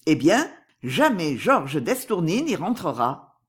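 A narrator voicing a disguised male swindler, calm and commanding, in an audiobook with a husky voice. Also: medium pitch, takes it slowly, full character voice. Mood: cold. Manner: calm, commanding, coolly persuasive. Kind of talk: audiobook character reading.

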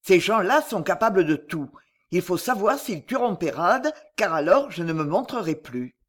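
A woman's voice: fairly low pitch, sing-song. A woman reading a sly, sententious spy. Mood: wary. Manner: measured, sententious delivery. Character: cunning older male spy, calm and sententious. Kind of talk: audiobook character reading.

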